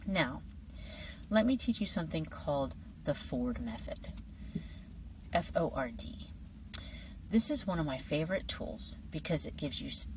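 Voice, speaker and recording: This English lesson comes from a woman with a low, deep voice and a friendly, scripted style. She is lively but at times drops into soft, breathy whispers, sitting a little back from a distant microphone with faint background noise.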